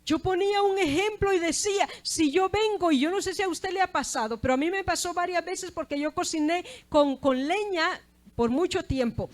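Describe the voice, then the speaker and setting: A woman with a high voice preaches a sermon in an earnest, heartfelt way. She is middle-aged and often stops to praise God between her phrases. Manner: earnest preaching with repeated "gloria sea al Señor".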